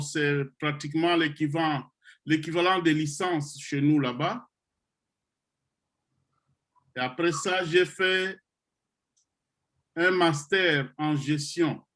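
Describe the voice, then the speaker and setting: Leading an online computer course, a middle-aged founder from the Democratic Republic of the Congo delivers a motivational video-call talk to trainees. His voice is slightly high and a bit bright, his manner measured and unhurried, with deliberate pauses and hesitations.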